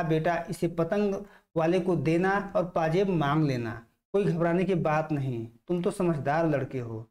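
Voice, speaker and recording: A man's voice: sits high, a little mellow, reverberant. A man reading a short story aloud and then restating each passage in plain words for his viewers. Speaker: literature channel host.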